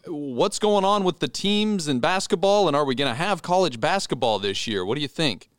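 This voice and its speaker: American male sports co-host, smooth clean voice, dry close sound, conversational delivery. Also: a little high, expressive, moderate pace, no room sound. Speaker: sports podcast co-host and interviewer. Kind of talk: casual sports talk and interviewing.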